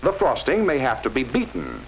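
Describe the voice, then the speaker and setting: A man narrates a 1940s teaching film from a script, explaining in a measured tone straight to camera. His voice makes huge pitch swings and slips into vocal fry, while the muffled, lo-fi sound has a faint hiss underneath.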